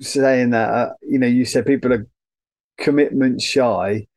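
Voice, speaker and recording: A man's voice: medium pitch, fairly even intonation, unhurried, darkish tone, no room sound. A man hosting a podcast interview, responding with enthusiastic encouragement in a conversational way. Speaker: podcast host.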